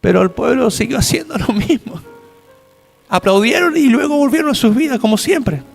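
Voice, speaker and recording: Male pastor, high voice, dramatic sermon storyteller, faint music under. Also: lively intonation, normal speed, creaky. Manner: dramatic storytelling, rhetorical questions.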